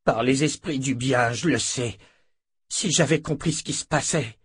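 A man's voice: mid-range voice, normal speed, fairly bright tone, slightly rough, dry recording, voice pushed up. A man reading an audiobook, voicing a desperate young male hero who pleads in a raised voice. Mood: despairing.

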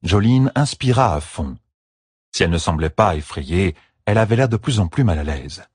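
A man narrating an audiobook in an even, measured storytelling voice on a close studio mic. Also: sits low, husky, no room sound. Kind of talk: scripted narration.

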